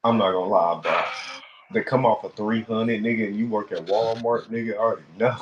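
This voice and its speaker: A man with a very low voice teasing his co-host in blunt, slang-heavy casual chat. Faint background noise runs under his recording. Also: steady tone, brisk, lo-fi sound.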